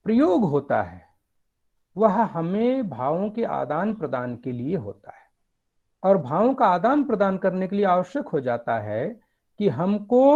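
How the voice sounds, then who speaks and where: A man giving a lecture, explaining step by step with animated emphasis. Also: high voice, vocal fry, dull audio. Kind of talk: academic lecture.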